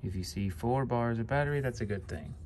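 He speaks briskly in a medium-pitched, slightly mellow voice. Filmed on a handheld phone aimed at the equipment, this instructor walks through it casually in an indoor auditorium control booth with short, plain steps, and the recording is noisy with room ambience.

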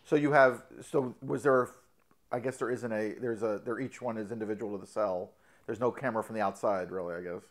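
A man's voice: fairly low pitch, steady tone, a little fast. A man hosting an interview, asking long, rambling questions and laughing easily. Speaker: interviewer and host. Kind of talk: interview conversation. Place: studio in Los Angeles.

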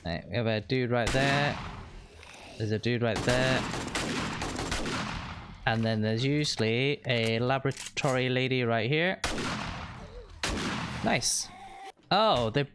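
A man's voice: mid-range voice, takes it slowly, long pauses, noisy background. A man hosting a gaming channel, chatting upbeat and thinking aloud as he plays a co-op game. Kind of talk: co-op gameplay commentary. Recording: game sound and gunfire behind the voice.

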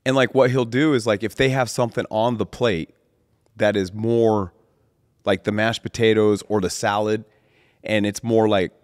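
A man co-hosting a casual faith talk, telling stories with big swings in pitch. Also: moderate pace, no room sound, studio quality. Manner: animated storytelling, swoops in pitch.

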